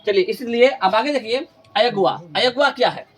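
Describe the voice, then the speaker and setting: A man's voice: very high voice, expressive, fairly bright tone, breathy edge. Man drilling students with call-and-response. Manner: repeats questions and answers in call-and-response drills; stretches key terms slowly for emphasis. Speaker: Hindi grammar teacher. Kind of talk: classroom lesson.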